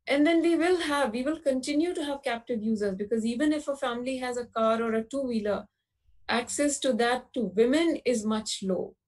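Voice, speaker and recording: A woman presents her slides in a webinar, her voice sitting a little high. She explains point by point at a steady, careful pace, often pausing on fillers. It sounds like a video-call recording. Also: rough recording. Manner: measured explanatory delivery with frequent uh fillers.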